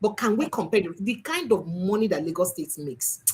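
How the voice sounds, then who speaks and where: A woman's voice: fairly low pitch, expressive, brisk, a crowd in the background. A Nigerian woman hosting a political commentary livestream, emphatic and slipping into Pidgin. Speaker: livestream host.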